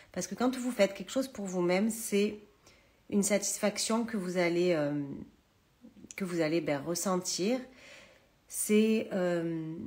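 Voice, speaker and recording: A woman's voice: fairly low pitch, a little mellow. A woman chatting live to her viewers from a phone in a holiday cottage, talking freely with many hesitations. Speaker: live streamer and massage trainer. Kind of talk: casual social media live chat.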